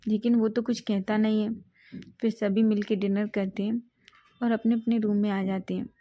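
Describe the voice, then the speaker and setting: Mellow-voiced woman reading a story. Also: mid-range voice, level tone, normal speed. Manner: casual, with self-corrections. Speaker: story reader. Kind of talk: fan-fiction storytelling narration.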